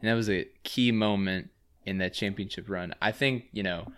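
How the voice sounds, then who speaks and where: Young male co-host, a bit low-pitched, relaxed chat with dry quips. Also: moderate pace, smooth. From Virginia. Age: 20s. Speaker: podcast co-host. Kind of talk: casual chat.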